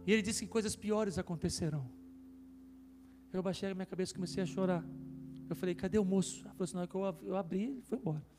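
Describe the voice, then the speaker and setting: A man's voice: high-pitched, very fast. A man preaching as a pastor, telling a story with emotion and rising intensity at its peaks. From Brazil. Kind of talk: sermon testimony. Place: church hall. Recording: reverberant church hall with soft music.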